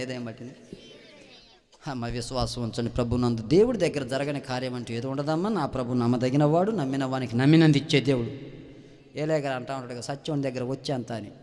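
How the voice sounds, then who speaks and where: A male pastor, preaching fervently, dropping to hushed storytelling and then rising to shouted appeals. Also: mid-range voice. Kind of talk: sermon. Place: church hall. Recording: long hall reverb.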